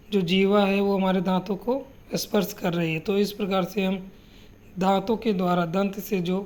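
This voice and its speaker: A woman with a medium-pitched, darkish voice teaches a grammar lesson. She poses questions to her students and answers them herself, and she repeats sounds slowly for them to imitate.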